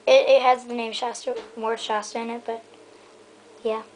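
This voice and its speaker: Her voice is fairly high and level, moving at a moderate pace, as this young vlogger rambles through a casual tour of her toy horse stable, saying "um" and "so yeah" a lot. She films indoors on her bedroom floor using a handheld camera mic. The rough recording carries a little hiss or hum.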